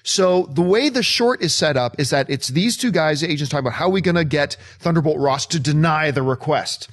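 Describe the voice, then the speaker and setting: A man's voice: fairly high pitch, fairly quick. A man hosting a movie news chat, explaining a theory earnestly and at length. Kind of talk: casual panel chat.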